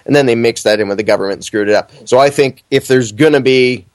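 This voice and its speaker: A man's voice: medium pitch, quick pace, no echo. A man talking as an interview guest, conversational, plainspoken and blunt in his opinions.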